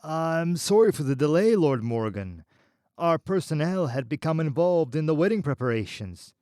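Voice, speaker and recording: A man voicing a formal, deferential male temple official who speaks softly. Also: fairly high pitch, sing-song, normal speed, clean tone, no room sound, studio quality.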